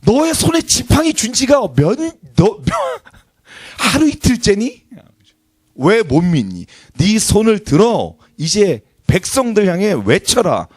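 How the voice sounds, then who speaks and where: A man's voice: high-pitched, sing-song, unhurried, breathy edge, dry recording, clean studio sound, voice pushed up, heavily acted. A man voicing a stern, impatient God who scolds Moses, speaking in a raised, rebuking tone. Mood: scolding. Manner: exasperated rebuking tone.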